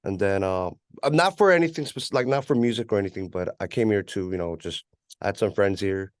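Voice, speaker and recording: Talking fairly quickly in a lowish voice, this interview guest, a rapper and producer from California, drifts through his answers in a relaxed West Coast drawl, peppered with "you know." The studio audio is clean, with no room sound.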